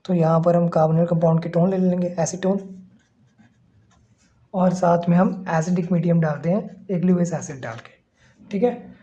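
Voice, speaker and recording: A man's voice: high voice, measured pace, long pauses, mellow. A male chemistry teacher giving a classroom lecture, explaining step by step and often checking that listeners are following. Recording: slightly muffled lo-fi recording.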